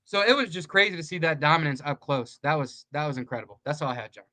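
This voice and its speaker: A man co-hosting a sports talk show, talking in an animated way, full of "like" and quick asides. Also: on the high side. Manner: animated, says "like" a lot. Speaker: podcast co-host. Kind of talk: casual sports chat.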